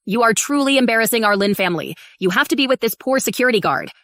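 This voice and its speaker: A woman's voice: fairly high pitch, expressive, fast talker, a bit bright, no room sound. A haughty, sneering rich girl. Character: spoiled, arrogant young woman, rich family's daughter. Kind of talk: English drama dub. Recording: dry studio dub.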